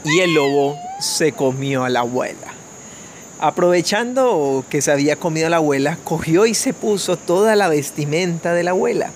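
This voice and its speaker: A man's voice: fairly high pitch, animated, slight background noise. Man telling a fairy tale to children. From Colombia. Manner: gentle, measured storytelling with small restarts. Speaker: family storyteller.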